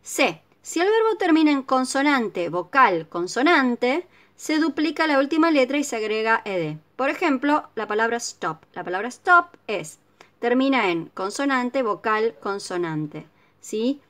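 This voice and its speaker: A woman teaching a recorded video lesson, her voice sitting a little high. She explains step by step at an unhurried, patient pace, pausing often to ask whether her students follow. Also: big pitch swings, a bit bright. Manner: patient, explanatory, keeps checking with "¿sí?". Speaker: English teacher.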